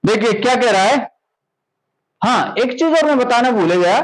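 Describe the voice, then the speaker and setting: A man's voice: extremely high pitch, animated, moderate pace, rough recording. A man teaching a maths lesson, who asks rhetorical questions and keeps checking in with his students. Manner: repeats "ठीक है" often, asks rhetorical questions. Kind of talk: classroom lesson explanation.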